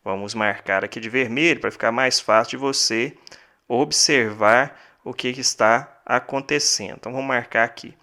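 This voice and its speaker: A man's voice: mid-range voice, normal speed, pushed and bright. A male teacher with a Brazilian Portuguese accent, explaining a lesson step by step, repeating key points and counting syllables aloud.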